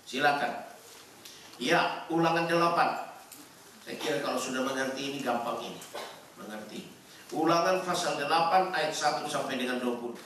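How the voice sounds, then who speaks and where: A man preaching a sermon to a congregation, swinging between loud exhortation and hushed storytelling. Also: on the high side, normal speed, long pauses, far from the mic, noisy background. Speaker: pastor. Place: church hall. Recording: very echoey hall, voice from afar.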